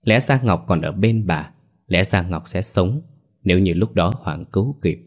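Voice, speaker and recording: Deep-voiced guy w telling a ghost story, steady and dramatic. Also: measured pace.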